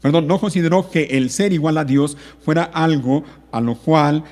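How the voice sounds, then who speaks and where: A man's voice: fairly high pitch, normal speed, darkish tone, in a large hall. A man preaching a sermon as pastor, speaking with emphatic repetition and drawing out key words. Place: church.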